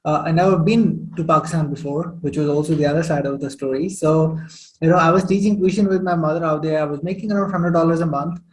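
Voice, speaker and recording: A man's voice: on the high side, fast, rough recording. A young man from Saudi Arabia, a podcast guest telling his story in casual chat with many fillers.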